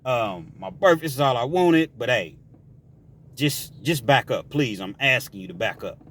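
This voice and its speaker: A man voicing a calm, humble male prisoner who quietly pleads to be left alone. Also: a little hiss or hum. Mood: calm pleading. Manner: low, quiet, measured pleading.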